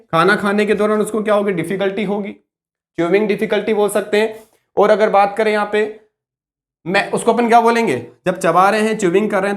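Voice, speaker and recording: In an exam-focused lecture, a male nursing tutor with a high voice repeatedly poses questions and answers them himself. He slows down to stress key terms word by word.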